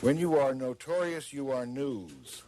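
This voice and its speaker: A man reflecting deliberately in a documentary interview. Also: medium pitch, animated, mellow, slight background noise.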